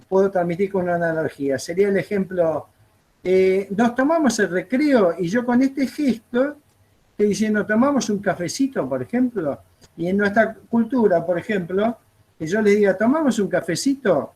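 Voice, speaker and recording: A man's voice: high-pitched, darkish tone. A man with an Argentine accent, teaching an aviation course in a classroom, chatting through anecdotes with frequent fillers.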